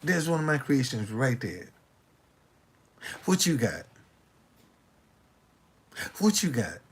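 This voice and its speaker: A man in his late sixties talking casually to the camera with slangy street swagger, repeating himself in animated, indignant retorts. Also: mid-range voice, takes it slowly, breathy edge. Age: 60s.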